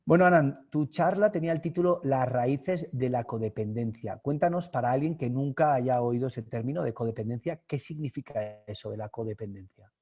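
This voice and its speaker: A man hosting an interview, asking short questions and giving brief, soft listening cues. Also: medium pitch, moderate pace, hardly any pauses, breathy edge. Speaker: host. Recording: muffled, dull mic.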